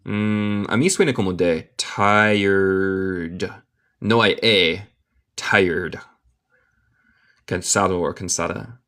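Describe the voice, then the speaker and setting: An American man from Michigan who speaks English natively, reading a story aloud word by word in a slow English lesson and explaining it in Spanish. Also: deep voice, sharp tone. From United States. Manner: reads English word by word very slowly, then explains in Spanish, answers chat. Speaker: English teacher, live streamer.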